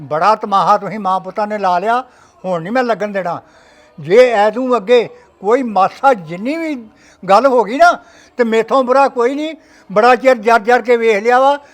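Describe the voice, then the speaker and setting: Actor as a stern threatening father, very high voice. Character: stern father threatening his son-in-law.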